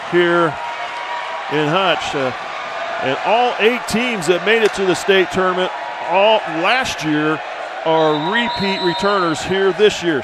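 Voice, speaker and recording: High-voiced male play-by-play sports commentator. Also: heavy background noise. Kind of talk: live volleyball commentary. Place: indoor sports arena, courtside. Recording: loud gym crowd and music behind. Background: crowd, music, bouncing balls.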